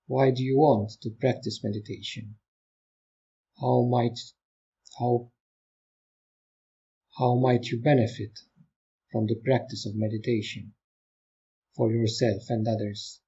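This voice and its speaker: A meditation teacher, male, leads a guided meditation in a relaxed, dark voice of medium pitch with a slight breathiness. He talks very slowly and softly, with calm pauses between brief instructions. The audio comes across a little dull.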